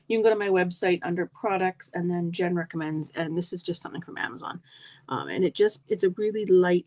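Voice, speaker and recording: Background noise accompanies a middle-aged woman with a medium-pitched, slightly froggy voice as she demonstrates card making live. She's friendly and talkative, often addressing her viewers directly.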